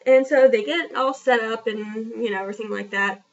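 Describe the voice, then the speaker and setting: A woman's voice: on the high side, normal speed. A young woman telling a personal story in a casual vlog, chatty and frank, with lots of fillers. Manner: chatty, frank and self-deprecating, with many fillers. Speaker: vlogger. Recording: dull lo-fi sound from a distance.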